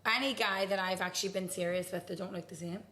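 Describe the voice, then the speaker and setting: A woman's voice: mid-range voice, steady tone, quick pace, pushed and bright. A young woman hosting a podcast, chatting casually with a friend, filling her talk with "like" and casual swearing. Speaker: podcast host. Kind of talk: casual chat.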